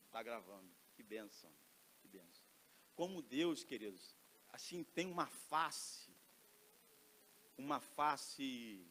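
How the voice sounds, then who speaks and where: A Brazilian male pastor preaching a sermon, moving between loud emphatic exclamations and quiet asides, often questioning the congregation directly. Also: mid-range voice.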